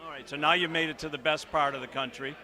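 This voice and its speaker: A man's voice: on the high side, fairly even intonation, fast, a crowd in the background. A man reporting on site for local sports coverage, interviewing young players and thanking them in an upbeat, encouraging way.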